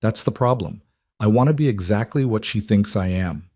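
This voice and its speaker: A man voicing a gentle adult woman who hides her wealth, speaking softly and earnestly in a storybook reading. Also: fairly low pitch, animated, normal speed, dry recording, clean studio sound. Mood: tender.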